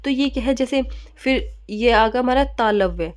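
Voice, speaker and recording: A woman teaches grammar in a steady classroom manner. She keeps asking questions and answering them herself, and drops English words into her sentences. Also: fairly high pitch, normal speed.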